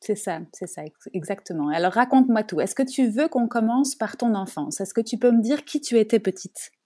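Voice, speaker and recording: Mellow-voiced woman interviewer. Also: fairly high pitch, animated, a little fast. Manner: friendly, encouraging questions. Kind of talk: conversational interview.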